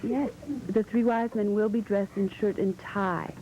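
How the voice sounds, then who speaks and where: A woman's voice: medium pitch, fairly even intonation, unhurried, lo-fi sound, noisy background, close to an everyday voice. A woman playing a pompous mural artist. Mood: self-important. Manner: curt, self-important.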